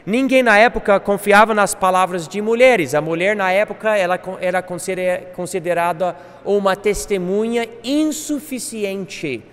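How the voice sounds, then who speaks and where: High-voiced man lecturing in a reverberant hall. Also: moderate pace, hardly any pauses, smooth. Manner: animated, acts out quoted speech. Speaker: Bible institute teacher. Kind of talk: classroom lecture.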